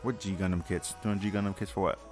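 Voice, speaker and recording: A man's voice: low voice, steady tone, quick pace, darkish tone, soft background music. A tired man hosting a live stream, chatting casually and rambling with lots of fillers and restarts while he builds a model kit.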